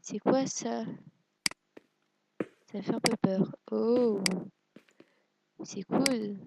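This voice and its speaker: A woman's voice: a little high, drawn-out words, creaky, noisy background. A woman giving casual gameplay commentary, hesitant and self-deprecating, musing aloud with lots of fillers. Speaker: let's play gamer.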